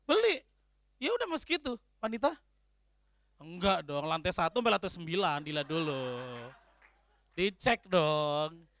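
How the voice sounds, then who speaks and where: A man giving a humorous sermon-style talk to a congregation, animated and joking, acting out the people he quotes. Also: high voice, unhurried, long pauses, no echo, studio quality. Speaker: speaker addressing a congregation.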